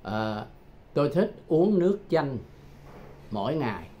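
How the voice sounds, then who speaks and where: A man's voice: fairly high pitch, sing-song. Older man, teaching. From Vietnam. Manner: chatty, repeats phrases slowly, chuckles often. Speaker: English tutor. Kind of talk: casual self-made language lesson. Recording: dull lo-fi sound with loud background noise.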